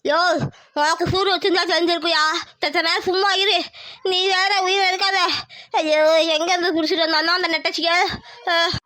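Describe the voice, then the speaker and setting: A woman's voice: extremely high pitch, fairly even intonation, a little fast, sharp tone, dry recording, studio quality. A woman voicing a grumbling old village woman in a cartoon, wailing and scolding over a burnt tongue. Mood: complaining.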